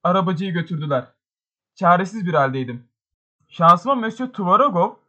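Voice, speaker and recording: Bir adam, telaşla gevezelik eden genç bir sosyete hanımını seslendiriyor. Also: male voice, high voice, very animated, a little fast, pushed and bright, highs cut off, full character voice. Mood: flustered. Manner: breathless, chattering excuses. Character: flustered young society lady.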